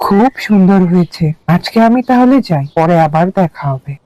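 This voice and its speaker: A man's voice: high voice, animated, moderate pace, a little mellow, dry recording. An actor voicing a poor, worried village father in a cartoon, talking earnestly and wearily. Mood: polite.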